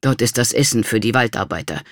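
A narrator voicing a stern, brisk middle-aged cook giving orders. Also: medium pitch, animated, dry recording, lightly acted.

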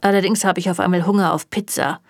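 A woman's voice: on the low side, steady tone, fast, no echo, natural voice. A woman reading a German audiobook, voicing a sardonic, evasive male warlock who answers with dry mockery. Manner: dry and mocking.

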